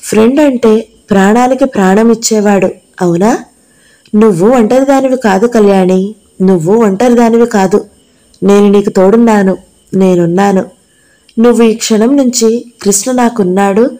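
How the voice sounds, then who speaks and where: A woman's voice: medium pitch, dark tone, close to an everyday voice, rough recording. A woman reading the part of a kind young male doctor, speaking earnestly and reassuringly.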